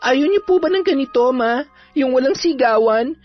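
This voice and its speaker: A woman's voice: high-pitched, lively intonation, moderate pace. A woman voicing an outspoken young daughter who resents her father. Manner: blunt, defiant, sobbing when angry. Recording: dull audio, soft music behind.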